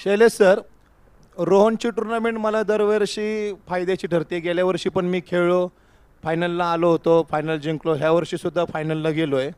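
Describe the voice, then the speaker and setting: Man, boastful and jokey, high voice, clean dry close sound. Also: level tone, normal speed, darkish tone, smooth, dry recording. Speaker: team player or captain. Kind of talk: casual chat with commentators.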